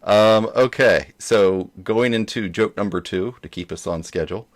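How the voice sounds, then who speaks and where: A man's voice: fairly low pitch, normal speed. A man hosting a joke show in casual chat, rambling along with many hesitations. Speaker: host of a dad joke show.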